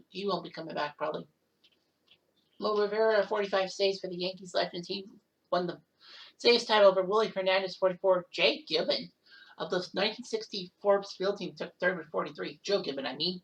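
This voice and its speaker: A woman hosting a casual recap of a simulated baseball season, reading off league leaders with quick asides and self-corrections. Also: mid-range voice, fairly even intonation, rough recording. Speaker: host. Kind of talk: casual game stats recap.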